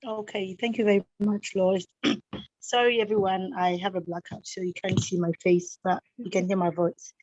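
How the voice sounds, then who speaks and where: A Ghanaian woman who received a scholarship sits on a webinar panel, giving direct advice and repeating points for emphasis. Her mid-range voice is level, a little mellow and at normal speed, with no echo, though the video call audio is dull, dry and lo-fi.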